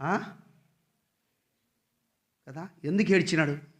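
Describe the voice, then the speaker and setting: A man from Andhra Pradesh, India, delivers a Sunday sermon, reading scripture slowly and putting questions to the congregation. His voice sits on the high side, and he swings between loud, emphatic passages and quiet asides.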